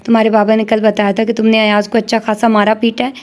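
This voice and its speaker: A woman voicing a calm, gentle but firm older mother. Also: a little high, close to an everyday voice. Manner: calm, soothing.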